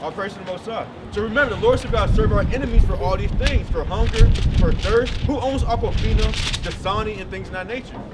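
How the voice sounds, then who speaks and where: A high-voiced man talks fast with hardly any pauses, preaching emphatically outdoors and firing questions at his listener. The mic is far away and traffic noise is loud.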